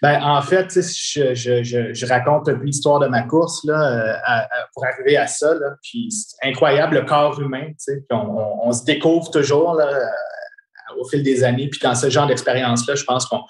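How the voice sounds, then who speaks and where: A man with a Quebec French accent tells a long personal story as a guest, animated and often repeating words while he searches for the next one. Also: mid-range voice, normal speed. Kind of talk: casual storytelling conversation. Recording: roomy echo.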